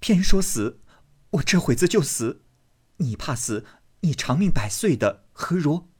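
Sulky, sharp-tongued young noblewoman, voiced by a man. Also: medium pitch, sing-song, unhurried, slightly rough, voice pushed up. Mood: peevish. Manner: cold, sniping, tearful retorts.

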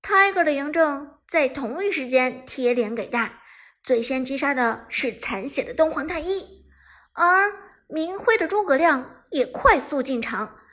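Bright high-voiced woman narrating an esports novel. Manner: lively storytelling, bursts into fast shouted game commentary. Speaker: audiobook narrator. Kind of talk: scripted narration of a web novel.

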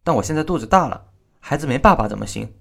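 A proud general's daughter speaks with cold scorn in a told story, voiced by a man. Her lines rise and fall in a lively way at an ordinary pitch. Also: quick pace, creaky. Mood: scornful. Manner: cold, taunting delivery. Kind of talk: storytelling narration.

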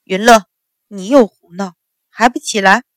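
A woman's voice: mid-range voice, moderate pace, darkish tone, no echo, clean studio sound, voice pushed down, lightly acted. A woman voicing a stern middle-aged father, an official, speaking coldly and scolding.

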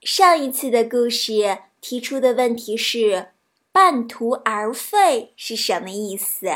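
A woman reading children's stories aloud, in a gentle storybook narration with a soft delivery. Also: a little high, lively intonation, slow.

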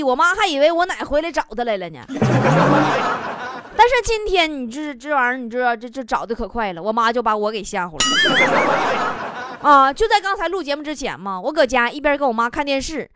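A young woman with a Northeastern Chinese accent performs stand-up on stage in a chatty, exclaiming storyteller's way. Her voice is high and swoops widely in pitch. Loud audience laughter rolls around her lines. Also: heavy background noise. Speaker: stand-up comedian. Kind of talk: stand-up comedy monologue. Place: stage before a live audience.

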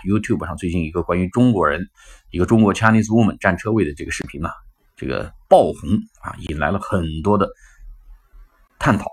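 A low-voiced man with a Cantonese-influenced Mandarin accent gives a casual spoken-English lesson. His voice is husky, with a rough, slightly breathy edge. He talks in an animated way and acts out the phrases he explains. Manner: animated, acts out quoted lines. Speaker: English teacher.

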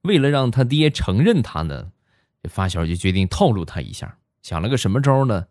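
A man's voice: on the low side, sing-song, brisk, darkish tone, dry recording, studio quality. A man, telling comic stories on a podcast in a chatty, playful way. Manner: chatty and playful, heavy erhua. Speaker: comedy podcast host. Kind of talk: comic storytelling.

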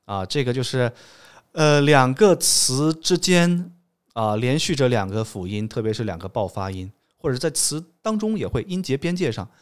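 A man's voice: mid-range voice, sing-song, normal speed, clean tone. Patient man explaining pronunciation methods. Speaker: English pronunciation teacher, podcast guest. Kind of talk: interview, explaining at length.

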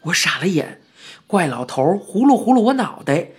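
A storyteller with a Beijing-flavored accent narrating a children's audiobook in a lively, expressive first-person telling. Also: medium pitch, moderate pace, breathy edge, faint music behind. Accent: Beijing-flavored Mandarin.

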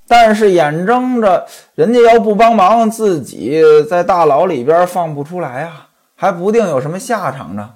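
Storyteller, traditional oral style, addresses listeners, lively pitch, husky voice. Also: normal speed, hardly any pauses. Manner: chatty, addresses listeners directly.

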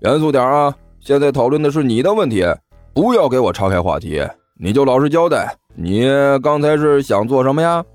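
A man's voice: medium pitch, big pitch swings, brisk, no room sound, soft background music, pitched above the performer's own voice, close to an everyday voice. A man voicing a chubby, cheeky schoolboy who talks in a sly, teasing, sing-song way. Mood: bickering.

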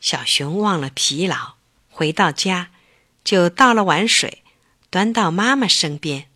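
A woman telling a children's story slowly and gently, with a bright, clear voice. Her delivery is expressive and full of lilt. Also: lowish voice.

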